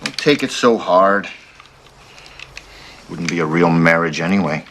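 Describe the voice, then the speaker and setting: A man's voice: deep voice, expressive, a little slow, a bit bright, slight background noise, exaggerated voice. An actor playing a breezy, dismissive man brushing off his partner's worries in a flippant way, in a television drama.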